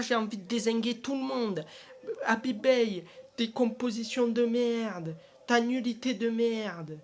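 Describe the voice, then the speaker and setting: A woman doing a comic, exasperated football rant, piling up repetitive slangy insults. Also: on the high side. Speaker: football fan vlogger. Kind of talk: comic angry match rant.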